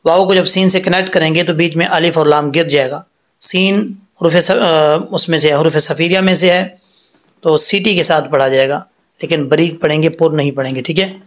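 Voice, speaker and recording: Man, Quran recitation teacher, patient step-by-step explanations, slowly stretched recitation, fairly high voice. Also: steady tone. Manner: explains patiently, then recites words slowly with drawn-out vowels. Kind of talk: step-by-step tajweed lesson.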